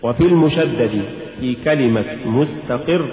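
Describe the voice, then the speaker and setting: A man teaching Quran recitation, measured and methodical, contrasting wrong and right readings and chanting short verse examples. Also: medium pitch. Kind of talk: recitation lesson. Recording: echoey hall, muffled lo-fi.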